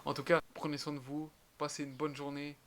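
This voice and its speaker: A man's voice: a little high, little pitch movement, a little fast, a bit bright. A man hosting his own channel, explaining trading charts in clipped, list-like phrases with casual interjections. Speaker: trading educator and channel host.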